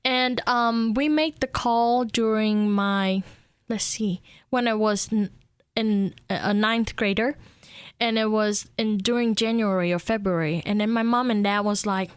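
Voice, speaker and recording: A woman's voice: mid-range voice, a little slow, clear, resonant tone, dry recording, studio quality. A young woman from Vietnam with a Vietnamese accent, whose first language is Vietnamese, chatting casually as an interview guest. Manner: chatty, relaxed storytelling with fillers.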